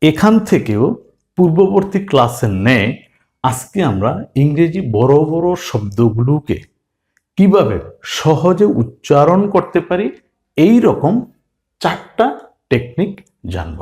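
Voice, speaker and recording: Male tutor, fairly high and very lively voice; drills syllables slowly, letter by letter, and asks questions he answers himself. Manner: slow, spelling out syllables letter by letter; opens with a formal Islamic greeting. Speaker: English teacher. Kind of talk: online English lesson in Bengali.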